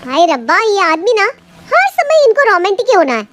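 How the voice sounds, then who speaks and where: A woman's voice: very high voice, big pitch swings, normal speed, background noise, voice pushed up. Woman as a patient, grumbling young daughter-in-law. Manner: polite, muttering complaints.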